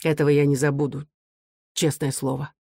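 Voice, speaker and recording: A narrator voicing a proud young working-class son in a low, muttering voice. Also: little pitch movement, normal speed, vocal fry, a little mellow, breathy edge, dry recording, studio quality. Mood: remorseful. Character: young male revolutionary son, proud then remorseful. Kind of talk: audiobook character reading.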